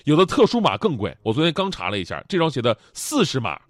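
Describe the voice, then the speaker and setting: A man's voice: mid-range voice, fast talker, no echo. A man, hosting and telling funny stories lots of laughter. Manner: animated, joking, laughing often. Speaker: host. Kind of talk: comedic storytelling.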